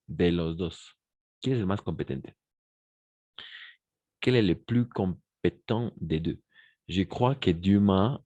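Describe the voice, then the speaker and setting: A man with a very low voice, teaching French to Spanish-speaking learners. He speaks slowly and deliberately, repeats key phrases and switches into Spanish to explain them. His voice sounds dry and close to the mic. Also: a little mellow, no echo, dull audio.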